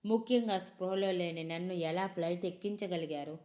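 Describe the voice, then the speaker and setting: A woman voicing an angry, bewildered young woman who has been kidnapped and shouts indignant questions. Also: medium pitch, expressive, moderate pace, voice pushed up, close to an everyday voice. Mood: furious.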